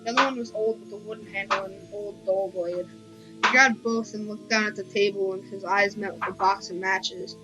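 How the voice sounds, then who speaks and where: A woman's voice: mid-range voice, steady tone, normal speed, poor audio. A young woman reading a horror story aloud in a casual way, often stumbling and restarting lines. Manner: reads with frequent stumbles and restarts. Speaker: creepypasta reader. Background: background music.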